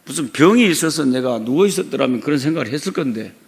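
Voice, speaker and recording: A man's voice: a little high, expressive, quick pace, creaky. A middle-aged man preaching a sermon in church as pastor, telling a personal story and acting out the voices of the people in it. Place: church sanctuary.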